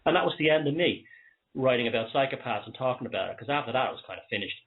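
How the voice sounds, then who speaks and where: An Irish man hosts a talk show in a loose, opinionated monologue. His breathing is wheezy and short, as in an asthma flare-up, and he leans on key words while keeping a conversational manner. His voice sits at an average male pitch, and the sound is thin and narrow like a phone line. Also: lively intonation, very fast.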